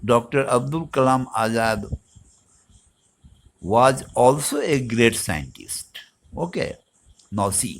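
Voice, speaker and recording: A male teacher with an Indian English accent, explaining grammar slowly and answering his own questions. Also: mid-range voice, gravelly. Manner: slow, explanatory, asks questions and answers them himself. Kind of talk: recorded grammar lesson.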